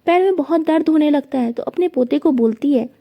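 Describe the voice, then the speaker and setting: A woman's voice: high voice, a little fast, creaky, muffled recording. A woman reading a family story aloud, retelling it plainly and voicing quotes only lightly.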